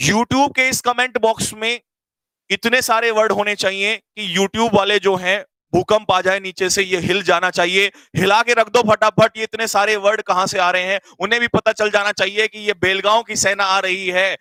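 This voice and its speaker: A man teaching an online English grammar class, quizzing students rapid-fire in a teasing, energetic way. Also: sits high, clear, resonant tone, dry recording, low-quality recording.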